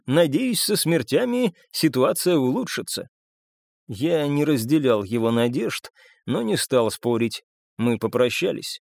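A man narrates a gothic audiobook in the first person, at a steady and measured pace. His voice sits at an ordinary middle pitch for a man. The recording is close and dry, with no room sound. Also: creaky, no room sound.

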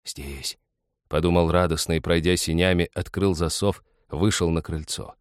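A man narrates a story in a calm, measured audiobook reading. His voice sits very low, and the recording is dry and close. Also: clear, resonant tone, no room sound.

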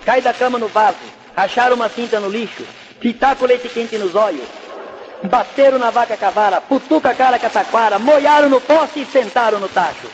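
Male comic as old-time football announcer, rapid-fire comic tongue-twisters, piercingly high pitch, lo-fi radio sound. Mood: rapid patter. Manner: tongue-twisting, deadpan nonsense patter. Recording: dull lo-fi radio recording, faint noise.

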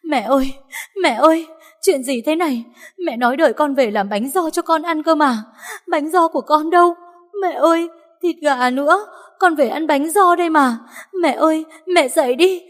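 A woman's voice: extremely high pitch, lively intonation, normal speed, mellow, voice pushed up. Shrieking, sobbing young woman. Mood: desperate pleading. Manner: sobbing, screaming desperate pleas. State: crying. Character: young woman wailing over her murdered parents. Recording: long reverb.

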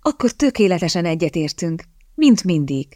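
A woman's voice: on the low side, big pitch swings, mellow, no echo, clean studio sound. A woman reading a scheming young woman, coyly desperate. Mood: pleading. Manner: feigned desperation, coy and theatrical. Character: scheming young woman seeking a rich husband. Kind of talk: audiobook character reading.

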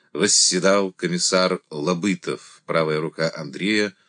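A man reading a novel aloud as an audiobook narrator, in a measured storytelling manner. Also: on the low side, a bit bright, dry recording, studio quality. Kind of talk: scripted literary narration.

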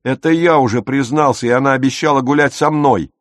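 A man shouting as a furious teenage boy brawler. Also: medium pitch, fairly quick, no room sound, clean studio sound, pitched above the performer's own voice, lightly acted. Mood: angry, shouting. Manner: yelling, taunting.

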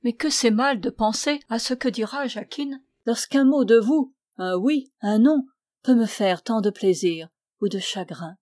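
A woman's voice: a little high, a little slow, a little mellow, no room sound, clean studio sound, natural voice. A woman reading an earnest young man in love. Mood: pleading. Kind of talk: audiobook dialogue reading.

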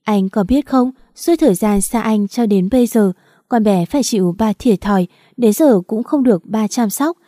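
A woman's voice: on the high side, normal speed, dark tone, no room sound, clean studio sound, natural voice. A woman voicing a young mother who pleads in tears at her husband's bedside, in an audiobook reading. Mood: pleading. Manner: tearful, pleading.

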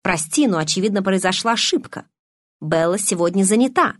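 Woman reading young male vampire, calm, quietly mocking, audiobook, dry. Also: medium pitch, a little fast, no room sound, natural voice.

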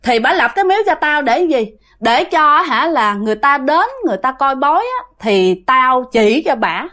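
A woman's voice: sits high, lively intonation, normal speed, pushed and bright. A woman voicing a coarse, scolding old female mountain spirit who possesses a mother in a told ghost story. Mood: boastful.

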